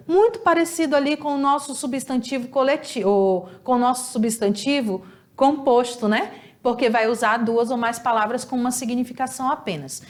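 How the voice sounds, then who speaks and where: A woman teacher with a Brazilian Portuguese accent, giving a recorded Spanish lesson and carefully over-pronouncing each example word. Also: on the high side. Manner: slow, over-articulated model words in Spanish; explanatory, checks in with "tá bom?".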